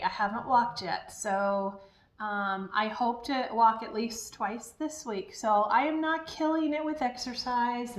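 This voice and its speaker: A woman talking casually and encouragingly to her viewers as a diet vlogger, in an upbeat, chatty way. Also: mid-range voice. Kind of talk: casual chatty vlog talk. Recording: echoey room.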